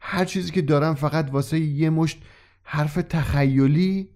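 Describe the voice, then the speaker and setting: A man's voice: a little high, darkish tone, voice pushed up, lightly acted. Man voicing a shy, doubtful young customer. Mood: hesitant. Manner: hesitant, polite, doubtful. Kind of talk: audiobook character reading.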